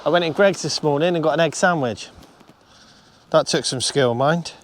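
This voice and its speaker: Chatty angler on a beach. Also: male voice, fairly high pitch, normal speed. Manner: chatty, mutters to himself, swears casually. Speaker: shore angler vlogger. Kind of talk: casual outdoor fishing vlog. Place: shingle beach by the sea, outdoors. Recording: surf noise behind.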